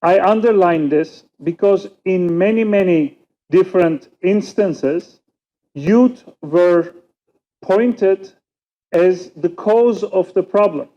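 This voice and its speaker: Here a man from Turkey, a native Turkish speaker with a matching accent, sits on a conference panel and talks in a measured, reflective way with many pauses. His voice sits high and sounds mellow, and the sound is lo-fi.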